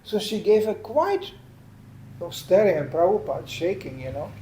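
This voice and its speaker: An older man preaching in a lively storytelling manner, often adding "you know". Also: high voice, normal speed. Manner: lively anecdotal telling with "you know" asides. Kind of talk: storytelling sermon. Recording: echoey room, faint background noise.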